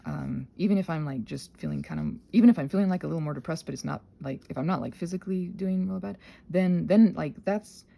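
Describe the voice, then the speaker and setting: Talking quickly in a fairly low, gravelly and warm voice, this woman rambles without a script on her solo audio channel. She's scattered and self-deprecating, tends to trail off, and sounds worn out and stuffed up with a sinus infection.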